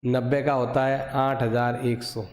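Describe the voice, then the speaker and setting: A male math teacher with a Hindi accent explains a lesson step by step, posing questions and answering them himself. His mid-range voice is flat and unhurried, recorded in an echoey room as he drifts away from the mic.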